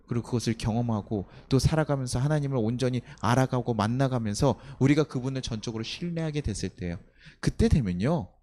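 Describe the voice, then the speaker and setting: A man, a pastor, preaching a night-service sermon in a church, firing off rhetorical questions to the congregation. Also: mid-range voice. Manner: animated, many rhetorical questions, acts out quoted speech. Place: church sanctuary.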